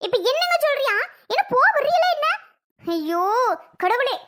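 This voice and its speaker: Figure: shrill scolding old mother voiced by a woman. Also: lively intonation, brisk, pushed and bright, exaggerated voice. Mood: wailing. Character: older mother, indignant and complaining.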